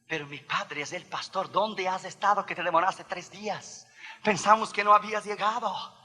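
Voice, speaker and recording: A man preaching, acting out a big male Russian army guard who speaks low and confidingly. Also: moderate pace, pushed and bright, big-room sound, exaggerated voice.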